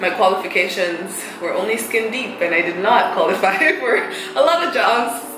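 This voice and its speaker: A woman's voice: mid-range voice, animated, moderate pace. A young woman from Jamaica who works as an English teacher, talking casually and thoughtfully with friends, with many fillers. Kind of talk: casual chat. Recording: echoey room with background music.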